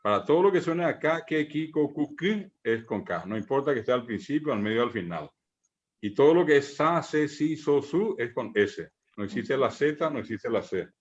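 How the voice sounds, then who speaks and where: Patient teacher, muffled call audio. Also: male voice, medium pitch, expressive, moderate pace. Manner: patient, repeats examples, many "eh" fillers and "¿verdad?". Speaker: Guaraní language teacher. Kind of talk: explanatory online class.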